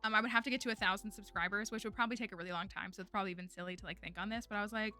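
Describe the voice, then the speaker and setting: Racing along in a pushed, bright, steady medium-pitched voice, this young streamer and online teacher rambles through casual livestream chat, full of fillers, restarts and laughter. A headset or desk mic picks her up, with music faintly beneath.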